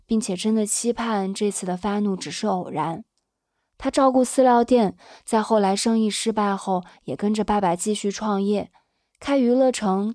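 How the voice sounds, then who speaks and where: A woman in her twenties narrating a scripted, reflective story in a calm, measured way as the interviewer. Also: mid-range voice, dry recording, studio quality. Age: 20s. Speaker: interviewer and narrator, daughter of the guest.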